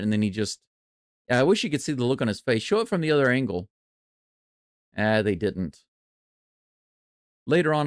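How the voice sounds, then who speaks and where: A man doing live baseball play-by-play and reaction in a chatty, excitable way. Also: mid-range voice, dry recording, studio quality. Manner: excitable, chatty, jumps from calm to loud cheering. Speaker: play-by-play streamer.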